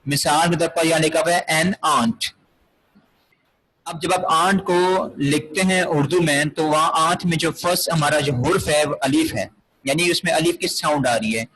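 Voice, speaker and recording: A man's voice: fairly high pitch, fairly even intonation, normal speed, fairly bright tone, slightly rough, low-quality recording. A man teaching an English grammar lesson, explaining step by step, repeating key words and asking rhetorical questions. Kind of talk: classroom grammar lecture.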